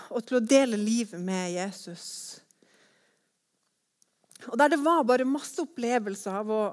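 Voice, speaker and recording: Speaking on the high side, a woman shares her personal testimony with liveliness, voicing her inner thoughts as quoted lines.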